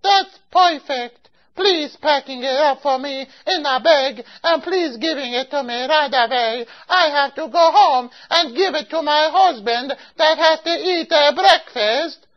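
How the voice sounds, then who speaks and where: A picky, insistent old matchmaker lady, as a woman acts her out, talking in broken English peppered with Yiddish words and circling back on herself. The voice sits high, and the recording is dull and lo-fi, like a homemade comic story skit. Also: measured pace. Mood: fussy. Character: fussy older woman customer and matchmaker.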